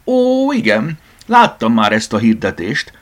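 A man voicing a cheerful, brisk old gentleman in an old-fashioned hat, speaking in a raised, lively voice. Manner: brisk and friendly, louder and higher.

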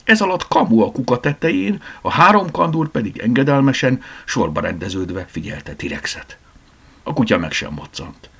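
A man narrating a storybook chapter in an expressive reading. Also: mid-range voice, gravelly, slightly rough. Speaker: audiobook narrator.

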